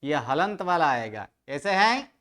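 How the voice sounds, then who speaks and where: A man's voice: a little high, very animated, takes it slowly, a bit bright. A man teaching Sanskrit grammar to a study group, quizzing students with questions and correcting their pronunciation. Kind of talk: online study-group lecture.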